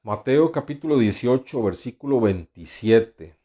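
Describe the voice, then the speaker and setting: A man's voice: medium pitch, lively intonation, unhurried, dark tone. Man preaching a sermon. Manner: tags questions with "¿verdad?" and addresses listeners as brothers; reads scripture aloud and comments between verses. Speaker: pastor.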